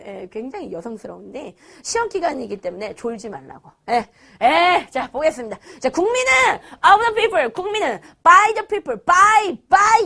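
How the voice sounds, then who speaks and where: A young woman teaching a middle school social studies lesson, lively and playful, acting out quotes with sudden shouts. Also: sits high. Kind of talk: energetic video lecture.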